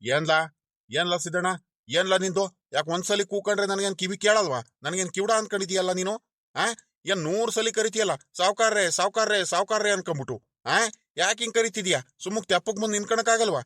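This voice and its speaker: A grumbling, scolding village landlord in a cartoon, voiced by a man, proud and easily offended. He talks with a high voice. The sound is close and dry. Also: a little fast, a bit bright, no room sound. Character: proud grumpy middle-aged male village landlord.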